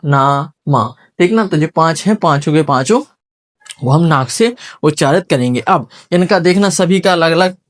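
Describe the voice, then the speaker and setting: A man teaching a classroom lesson at a whiteboard, sounding out syllables one by one and quizzing his students. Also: fairly high pitch.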